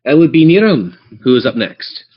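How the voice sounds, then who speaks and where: A game master runs a tabletop role-playing game, narrating scenes in a descriptive, theatrical storyteller's style. His husky, medium-pitched voice is very animated and moves at normal speed, and the audio sounds dull and lo-fi.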